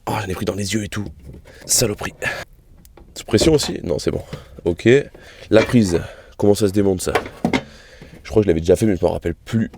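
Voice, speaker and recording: A man's voice: low-pitched, a little fast, long pauses, noisy background. A young man casually vlogging about his car, swearing often and thinking aloud as he works in his garage. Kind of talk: casual vlog commentary.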